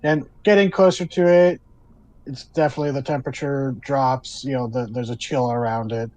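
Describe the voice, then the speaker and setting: A man's voice: medium pitch, steady tone, moderate pace, darkish tone, no room sound, rough recording. A man narrating a tabletop role-playing game as game master, describing scenes in a conversational way with asides.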